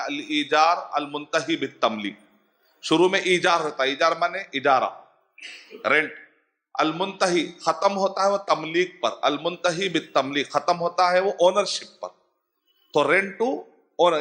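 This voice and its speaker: A man in his forties with a Hyderabadi Urdu accent teaches as an Islamic scholar. His voice is bright and forceful and sits a little high. He slows down to spell out Arabic terms and mixes in English words as he explains them. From Hyderabad, India. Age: 40s. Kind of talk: religious lecture.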